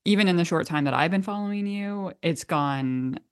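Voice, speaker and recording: Her lowish voice has a clear, resonant tone and a moderate pace. The dog-training podcast host introduces and interviews a guest with chatty enthusiasm, peppered with fillers and restarts.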